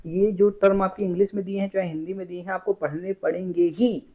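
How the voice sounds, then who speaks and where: A man's voice: sits high, steady tone, a little fast, dark tone, rough recording. A young man giving a casual exam-prep tutorial. He is chatty, repeats words, and mixes English terms into his Hindi. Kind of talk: casual screen-share tutorial.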